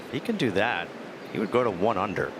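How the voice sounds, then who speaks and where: A man with a low voice leads live golf commentary. He announces players and scores concisely, with clear outdoor noise in the broadcast. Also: sing-song, fast talker.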